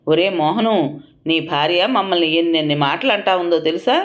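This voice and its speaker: A woman's voice: lowish voice, fairly quick, natural voice. List: woman narrator playing an older mother-in-law, bossy, indignant, scolding. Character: proud bossy mother-in-law, quick to anger.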